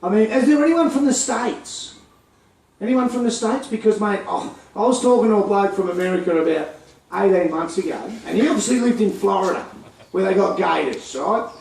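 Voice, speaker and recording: A high-voiced Australian man cracks jokes and banters with a live crowd at a crocodile feeding show. He is heard from a distance, with an echoey ring around his voice. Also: a little fast, creaky, darkish tone. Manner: jokey, teasing banter with the audience. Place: outdoor crocodile farm show area.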